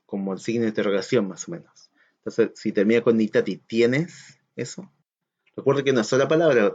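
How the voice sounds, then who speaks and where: A man's voice: on the low side, darkish tone. A man teaching a recorded lesson to children, patiently counting aloud and posing questions to the class. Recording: slightly dull lo-fi audio.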